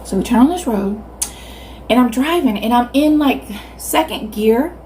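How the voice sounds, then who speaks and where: A woman in her fifties with a Southern US accent, telling a casual, animated story to viewers as she hosts a mukbang, chewing while she talks. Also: fairly high pitch, moderate pace, a little hiss or hum, rough recording. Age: 50s. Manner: animated, acts out quoted reactions. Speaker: mukbang video host.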